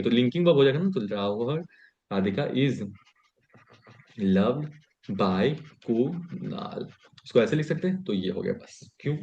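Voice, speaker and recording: Male tutor for an online lesson, quizzing style, mid-pitched voice, dull lo-fi webcam sound. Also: mellow. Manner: explains by repeated questions. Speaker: teacher. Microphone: webcam or built-in mic.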